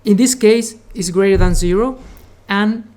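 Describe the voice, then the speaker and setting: A Caribbean-born native Spanish speaker runs a live coding class, his Caribbean Spanish accent carrying a mid-range, slightly mellow voice at a measured pace. He walks students through each step, keeps repeating "remember" and "okay," and coaxes them along.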